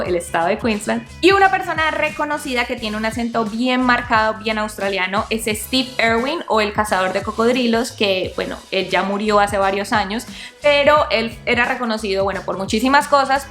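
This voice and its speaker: Chatty Colombian woman from Cali. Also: fairly high pitch. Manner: lively, chatty, expressive. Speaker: vlog host teaching about accents. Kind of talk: casual explainer vlog.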